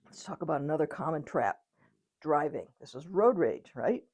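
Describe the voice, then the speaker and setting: A woman's voice: low voice, expressive, moderate pace, darkish tone, slightly rough. A woman physician giving an informal, conversational educational talk on trauma. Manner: conversational, acts out quotes, occasional laughs.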